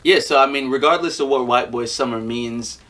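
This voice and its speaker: A man chatting casually on a podcast, relaxed and joking, his sentences often fading out softly. His voice sits at an ordinary middle pitch. He sounds slightly distant from the microphone. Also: fairly quick. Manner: laid-back, joking, trails off quietly. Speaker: podcast co-host. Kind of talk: casual chat.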